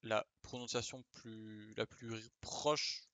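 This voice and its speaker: A man's voice: lowish voice, steady tone, takes it slowly, a bit bright, no echo. A man explaining pronunciation in a casual, chatty way, with slang asides and frequent hesitations. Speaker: video creator explaining name pronunciation.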